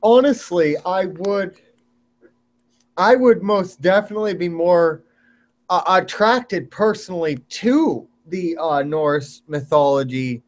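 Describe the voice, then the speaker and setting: A polite, hesitant man with a fairly high voice, talking in a casual online debate. He pauses with "uh" as he builds his point. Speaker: debate participant.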